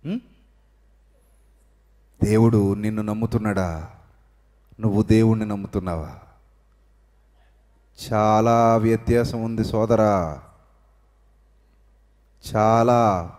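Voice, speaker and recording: A male preacher delivering a sermon, swinging between raised, emphatic lines and hushed, quiet ones, and calling the congregation to repeat after him. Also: lowish voice, fairly even intonation, takes it slowly, long pauses. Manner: leads the congregation to repeat phrases aloud. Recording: long reverberant hall sound.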